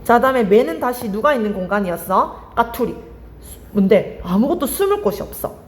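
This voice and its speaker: In a lively exam-prep lecture on Korean literature, a woman with a mid-range voice fires questions at her students and then answers them herself. The sound has the spacious quality of a big room.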